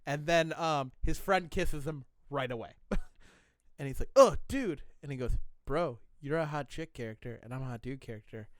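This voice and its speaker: A man chatting on a podcast, retelling a show with lively acted-out quotes. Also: medium pitch, moderate pace, dry recording. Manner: animated storyteller, acts out quoted voices. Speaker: comedian guest. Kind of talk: casual podcast chat, retelling a story.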